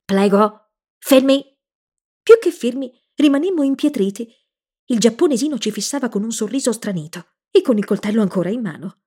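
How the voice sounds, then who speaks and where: A woman reading a novel aloud in a lively, expressive storytelling manner. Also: on the high side, a little fast, husky. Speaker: narrator. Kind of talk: audiobook narration.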